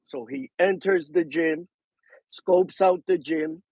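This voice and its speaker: A man telling a story in casual chat, animated and slipping into Spanish. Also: on the high side, slow, slightly rough, no echo, poor audio. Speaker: boxing show guest.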